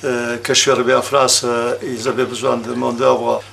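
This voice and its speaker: Gravelly older man from Portugal. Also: medium pitch, little pitch movement, a bit bright, a little hiss or hum. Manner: halting, many pauses. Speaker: resident. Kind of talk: documentary interview.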